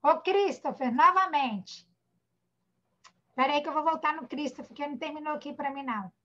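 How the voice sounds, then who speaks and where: A primary school teacher with a Brazilian Portuguese accent leads young children through an online class at a moderate pace. Her high, bright voice is patient and tender as she sounds out words syllable by syllable. The audio comes through a computer or phone mic on a video call, so it sounds dull and muffled.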